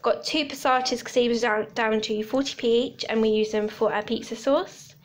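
A woman's voice: fairly high pitch, steady tone, normal speed. A young woman from the UK chatting casually through a grocery haul, listing items with small asides, recorded on a phone in her home kitchen. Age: 20s. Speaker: vlogger.

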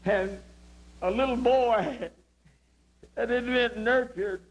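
A male evangelist giving an impassioned testimony sermon. He swings between quiet moments and shouting and draws out his phrases for emphasis. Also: very high-pitched, slow, rough recording.

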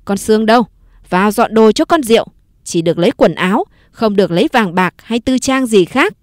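A woman's voice: mid-range voice, animated, brisk, no room sound, studio quality, natural voice. A woman narrator voicing a domineering old mother-in-law who gives curt orders. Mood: commanding. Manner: curt and commanding.

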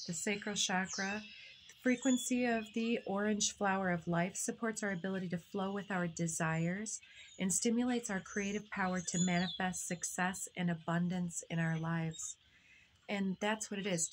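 A woman giving a meditative spiritual talk as a reader, channeling in a slow, meandering way and searching for her words. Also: on the low side, slight background noise.

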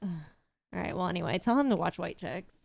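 A woman's voice: lowish voice, animated, creaky, a little mellow, no echo. A young woman chatting playfully as a guest on her fiancé's livestream. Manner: chatty, playful, quick to joke. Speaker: streamer's fiancée, guest on stream. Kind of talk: casual chat on a livestream.

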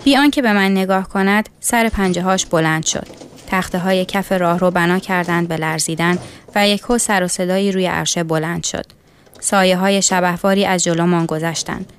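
A woman narrating a literary story in a measured reading voice. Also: fairly low pitch, fairly even intonation, a little hiss or hum.

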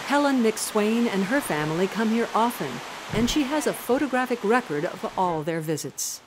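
A woman giving calm, measured scripted narration for an outdoors documentary. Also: on the high side, background noise.

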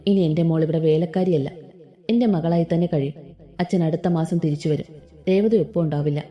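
A woman reading a gentle remorseful father. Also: low voice, steady tone, a little fast, lightly acted. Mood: tender. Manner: gentle, tender, apologetic. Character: remorseful loving middle-aged father. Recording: slightly dull with soft background music.

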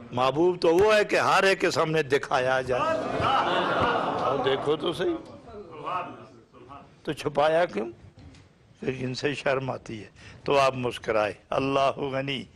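A man from Pakistan preaching a sermon lesson, speaking in rhythmic lists of short repeated phrases and pressing his points with emphatic rising questions. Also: medium pitch. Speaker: Sufi preacher.

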